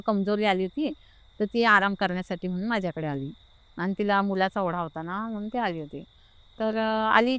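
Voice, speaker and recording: A woman's voice: a little high, a bit bright, clean tone, no room sound. A middle-aged woman with a Marathi accent tells a personal story in casual talk, hesitant and full of fillers, acting out what others said. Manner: hesitant, many fillers and restarts, voices others in quotes. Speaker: interview guest telling her experience.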